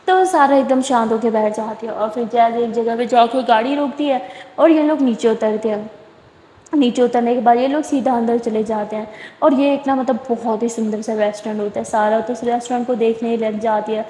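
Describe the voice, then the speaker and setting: Brief: woman storyteller, chatty run-on retelling, high mellow voice. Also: fairly even intonation. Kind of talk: casual story narration. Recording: echoey room with long reverb.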